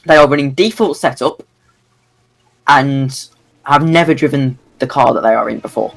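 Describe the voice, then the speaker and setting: A man's voice: mid-range voice, moderate pace, gravelly, a bit bright, a little hiss or hum, rough recording. A sleep-deprived man commentating an online endurance race, rambling and self-deprecating. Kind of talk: sim racing commentary.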